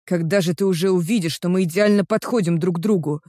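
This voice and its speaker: A reader voicing an earnest young man in love in an audiobook, speaking slowly and sincerely. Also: medium pitch, warm tone, no room sound, clean studio sound, lightly acted. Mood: pleading. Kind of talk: audiobook character reading.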